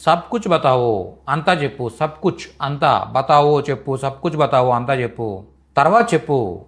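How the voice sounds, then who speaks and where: A man's voice: medium pitch, lively intonation, moderate pace. Patient man drilling phrases. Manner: patient, repeats each phrase several times. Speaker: Hindi teacher. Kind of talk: live online language class.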